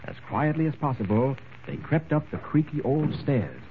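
Lively old radio show narrator, tinny sound. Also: male voice, mid-range voice, moderate pace, noisy background. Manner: dramatic storytelling narration. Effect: old radio show broadcast recording. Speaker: story narrator. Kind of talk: 1940s radio drama narration.

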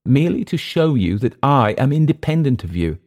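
Voicing a bitter Englishman who has gone to seed, the male narrator pitches himself well above his low reading voice, swinging widely in pitch. He talks a little fast in a darkish tone, sounding earnest and defiant, with a mocking, volatile edge.

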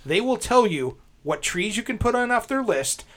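A man with a somewhat high voice hosts a relaxed podcast chat. He tells jokey stories and laughs a lot. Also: normal speed. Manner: jokey storyteller, laughs often. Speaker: podcast host. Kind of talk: casual chat.

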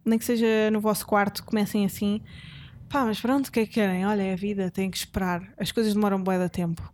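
A woman's voice: medium pitch, fairly even intonation, quick pace, a little mellow, a little hiss or hum. A young woman with a European Portuguese accent hosting a podcast in informal, slangy casual chat. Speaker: podcast host.

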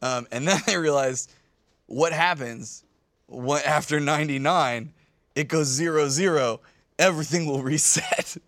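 A man's voice: a little high, a little slow, a bit bright, no echo. Man laughing through casual chat. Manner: laughs often, explains with many fillers. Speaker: podcast co-host.

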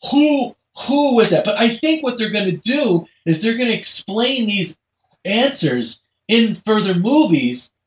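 A man's voice: sits high, very animated, a little slow. A man in casual, rambling discussion as a podcast panelist, recorded in an echoey room.

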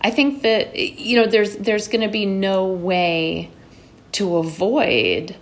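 A woman novelist raised in New York, chatting as a guest in a halting way, with frequent restarts and fillers. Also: medium pitch, lively intonation. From Connecticut-born, raised in New York. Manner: halting, restarts, many "like" and "you know" fillers. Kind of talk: casual conversation.

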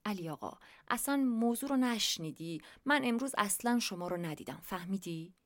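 An awkward male messenger speaks low and apologetically, as a woman reads him. The voice is a touch quieter than the reader's plain telling. It belongs in a read-aloud storybook. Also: lively intonation, natural voice. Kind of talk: storybook reading.

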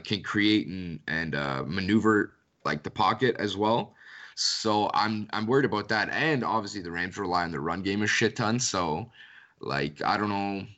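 Bright-voiced young Canadian guy. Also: fairly low pitch. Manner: loose, rambling, heavy use of "like". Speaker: guest. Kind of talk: casual podcast chat.

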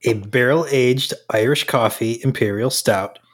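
A man chatting casually as a podcast co-host, drawing out and savoring his words. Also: medium pitch. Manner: drawn-out, savoring delivery. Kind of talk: casual banter among friends.

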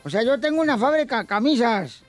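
Lively high-voiced man telling jokes. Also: fast, soft background music. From Michoacán, Mexico. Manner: animated, puts on shouted voices for joke characters. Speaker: radio show co-host. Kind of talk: telling jokes on a morning radio show.

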